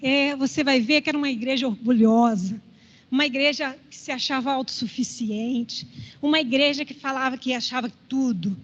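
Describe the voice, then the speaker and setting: A woman with a Brazilian Portuguese accent and a high voice leads a church Bible class at normal speed, speaking conversationally and checking in with the class often. The audio is somewhat dull, with a long hall reverb.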